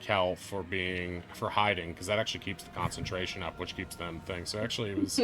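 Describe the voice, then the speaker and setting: A man running a tabletop role-playing game online, chatty and quick to laugh, often restarting his sentences. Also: sits low, fairly even intonation, over music. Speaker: game master.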